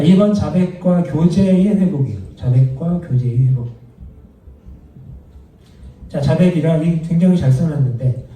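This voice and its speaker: Male Bible study teacher, conversational, dark mellow voice, distant in a very echoey room. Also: fairly high pitch. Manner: conversational, explains doctrine with asides and anecdotes. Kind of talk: church Bible study lesson. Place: church room.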